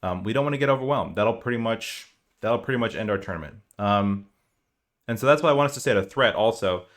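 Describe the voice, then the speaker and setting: A man giving a casual spoken lecture as a team coach, explaining in a conversational, animated way. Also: lowish voice, quick pace.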